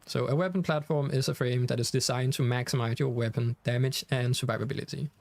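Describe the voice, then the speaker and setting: A young Danish-accented man talks fast in a steady, creaky, somewhat dark medium-pitched voice, with no room sound. On his live game stream he chats casually, reads chat aloud, and is full of fillers and restarts.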